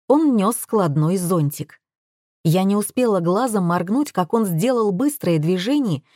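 A woman narrating an audiobook in a steady, measured way. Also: lowish voice, dry recording, studio quality.

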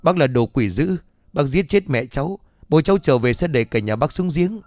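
A man's voice: animated, measured pace, no echo, close to an everyday voice. A man voicing a small grieving village boy who sobs and curses in anger. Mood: tearful fury. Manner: shrill, sobbing, cursing.

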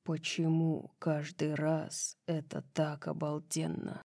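A woman voicing a tender, awed winged fallen-angel man, speaking in a hushed, breathy whisper with her voice pitched lower and softer than her narration. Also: completely flat delivery, slow pace, dry recording, studio quality, exaggerated voice. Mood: breathless.

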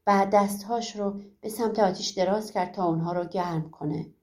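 A woman narrating a folk tale audiobook in a measured storytelling voice. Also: medium pitch, fairly even intonation, a little mellow.

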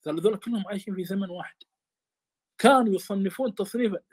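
Fast, high-voiced impassioned male teacher. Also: breathy edge. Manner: impassioned, stammers and repeats words. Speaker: teacher explaining a classical text. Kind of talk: study lesson.

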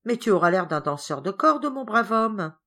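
A woman voicing a lively, brisk governess who chides and teases in a storybook reading. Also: medium pitch, voice pushed up.

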